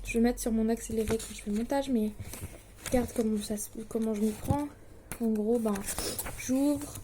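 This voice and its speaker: She's a distance-learning student vlogger from Switzerland, a young woman in her late teens chatting casually to camera about her studies. Her voice is on the high side, steady and moderately paced, with background noise present. She sounds hesitant, anxious and self-deprecating, with lots of fillers.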